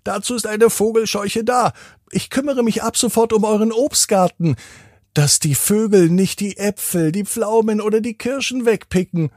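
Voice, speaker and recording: A man's voice: high voice, normal speed, a little mellow, no room sound, studio quality, voice pushed up. A man voicing a friendly, helpful talking scarecrow in a bedtime story, in a raised sing-song voice.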